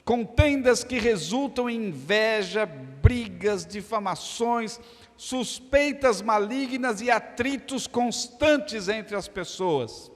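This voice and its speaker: A pastor from Brazil delivers a sermon in a church hall, the reverb audible, taking it slowly in an expressive voice that sits high. He's humorous and tells stories, then hammers home lists of words with emphasis.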